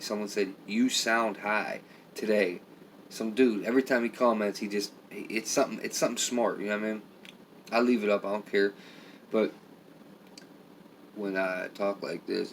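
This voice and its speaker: On a live stream, a middle-aged male vlogger rambles to viewers in a raspy, low voice that still carries a fairly bright tone, leaning heavily on filler phrases. He sounds tired and worn, with a faint background hum beneath his talk.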